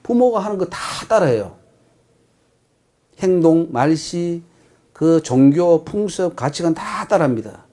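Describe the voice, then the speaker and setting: A male pastor with a Gyeongsang accent delivers an emphatic sermon. His voice sits high and swoops up and down, and he keeps putting rhetorical questions to his congregation. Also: animated, a little slow, pauses often, mellow. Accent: Gyeongsang Korean.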